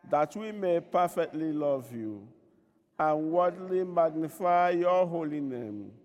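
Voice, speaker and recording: A man leading a church service as priest, speaking formal liturgy and prayers in a measured, solemn way with a cathedral-like echo. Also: on the high side, darkish tone. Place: large reverberant church.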